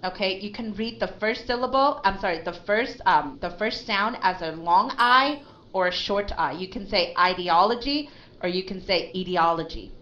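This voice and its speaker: A woman's voice: mid-range voice, moderate pace, sharp tone. A woman teaching an online English lesson, patiently correcting a student's pronunciation. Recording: slightly dull lo-fi online audio.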